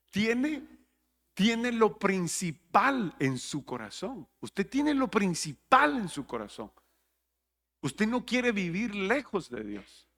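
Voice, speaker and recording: A man's voice: high voice, big pitch swings, slow, fairly bright tone. A man, preaching a sermon as pastor, joking, laughing at his own jokes and questioning the congregation. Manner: jokey, laughs at his own jokes, acts out listeners' voices.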